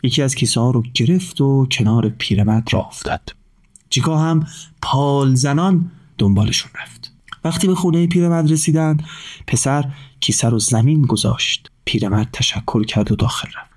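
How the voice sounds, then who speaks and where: A man narrating a children's story in a gentle, measured reading voice. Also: medium pitch.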